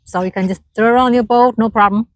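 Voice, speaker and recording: Woman on a boat doing a casual gear test, kinda high voice, slow short remarks, noisy water and boat sound. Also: fairly even intonation. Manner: talking while operating a boat, in short broken remarks. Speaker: product demonstrator. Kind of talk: casual hands-on product test narration. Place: outdoors on a small motorboat on the water. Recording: noisy outdoor boat recording. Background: boat and water noise.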